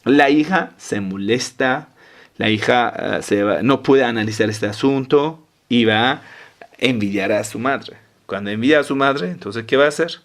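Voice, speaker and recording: A man, a sheikh, giving a lecture-style religious talk on parenting. He explains step by step, repeats key phrases and jumps up in pitch on the words he stresses. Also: moderate pace.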